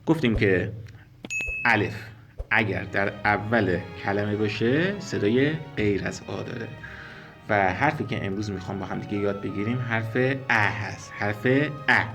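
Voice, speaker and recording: A man teaching a spoken language lesson, explaining slowly and repeating sounds and example words. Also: fairly low pitch, over music. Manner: slow, careful explanations, repeating and spelling out sounds.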